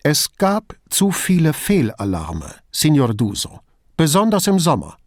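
A man's voice: a little high, wildly swooping pitch, no room sound, clean studio sound, pitched above the performer's own voice, exaggerated voice. A man voicing a stern policewoman. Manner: stern, deliberate. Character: stern female police officer, cool and firm.

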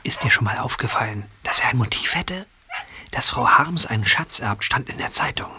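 A young detective in hiding, speaking in a hushed, secretive whisper. The delivery is lively audio drama acting over clearly noisy scene effects. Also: male voice, mid-range voice, a little fast. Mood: secretive, tense.

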